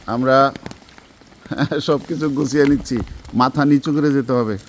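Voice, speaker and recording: A man's voice: medium pitch, fairly even intonation, measured pace. A man chatting casually while sightseeing, in short exclamatory remarks, recorded inside a cave. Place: small boat inside a low cave. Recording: noisy on-location cave recording.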